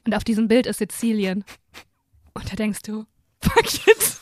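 A woman's voice: mid-range voice, little pitch movement, normal speed, a little mellow, dry recording, clean studio sound. A woman co-hosting a podcast, playfully making up a story in the second person and laughing often. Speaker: podcast co-host. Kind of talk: casual chat, improvised storytelling.

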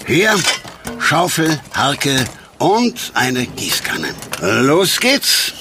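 An actor playing a strict, bossy man who guards his garden, with a gruff kindness underneath, in a children's audio drama. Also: medium pitch, wildly swooping pitch, very slow, music in the background, full character voice. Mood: stern. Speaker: stern garden owner neighbor.

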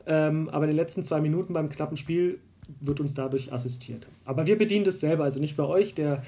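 A man's voice: a little high, fast talker, mellow. A man from Berlin, a basketball referee, explaining rules at length in a casual conversation, with many fillers and restarts.

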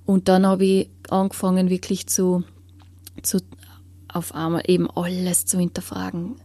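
A woman tells her story in an interview, earnest and searching. Her voice is mellow and warm, and she often lets it sink to a hushed whisper. The sound is close and dry, with no room echo. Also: on the low side, flat delivery, moderate pace. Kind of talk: personal faith testimony.

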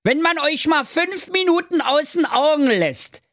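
Man as mother goat, very high, scolding, nagging. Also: expressive, measured pace, fairly bright tone, no echo, studio quality, heavily acted.

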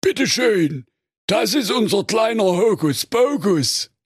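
A man's voice: sits high, sing-song, slow pace, breathy edge, dry recording, clean studio sound, pitched above the performer's own voice, exaggerated voice. A man doing a plain Saxon husband. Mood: proud. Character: plain-spoken husband, proud and simple.

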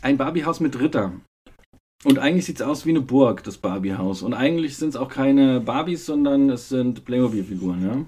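A woman's voice: very deep voice, lively intonation, a little fast, mellow, a little hiss or hum. A middle-aged woman hosting a casual family podcast at home, teasing her kids with a joking, stumbling manner. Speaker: podcast host and mother.

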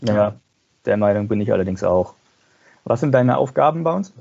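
A man's voice: fairly low pitch, lively intonation, normal speed, creaky, warm tone. Joking male podcast interviewer, lo-fi. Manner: jokey, reads questions from a plan. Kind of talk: casual interview questions.

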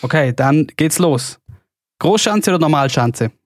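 A male podcast host explaining a game and firing off quick either-or questions in a brisk, upbeat way, with many fillers. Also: a little high, lively intonation, dry recording, clean studio sound. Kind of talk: quick-fire question game and sports chat.

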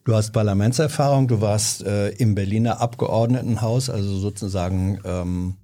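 A man's voice: lowish voice, moderate pace, mellow. A man hosting a podcast interview, asking questions in a joking, self-correcting way. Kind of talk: casual interview chat.

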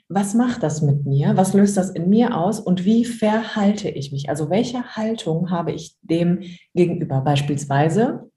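A woman's voice: mid-range voice, mellow. Woman coach talking through feelings in a podcast chat, asks lots of questions, bit of room echo. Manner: reflective, uses everyday examples and rhetorical questions. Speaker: interview guest, emotions coach. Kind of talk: podcast interview, explaining.

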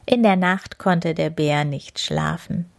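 A woman reading a picture book aloud to children, expressive and often dropping to a whisper. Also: sits low, slow pace, creaky. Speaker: story reader.

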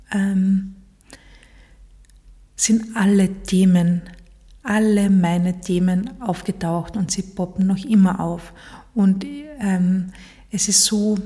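Mellow-voiced woman coaching on change. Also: mid-range voice. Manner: reflective, addresses listener directly, frequent filler pauses. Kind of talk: motivational monologue.

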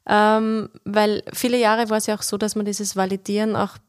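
A woman's voice: medium pitch, level tone, moderate pace, smooth, no echo, studio quality. A woman hosting a podcast interview, asking thoughtful questions and rephrasing them as she goes.

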